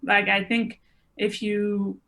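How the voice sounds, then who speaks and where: A woman in her twenties talks as a guest on a podcast. She rambles casually, circling back on herself and filling gaps with "like" and "um". Her voice sits at an ordinary middle pitch. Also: flat delivery, slow pace, creaky, bright, forceful tone. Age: 20s. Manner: chatty, rambling, many "like" fillers. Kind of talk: casual conversation.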